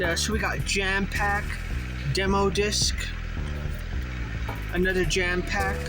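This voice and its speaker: A young man hosting a casual vlog, chatting informally to viewers with loosely enunciated words because a mouth ulcer makes it hurt to talk. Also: high-pitched. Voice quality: loose, not fully enunciated articulation. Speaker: video host. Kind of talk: casual game collection vlog.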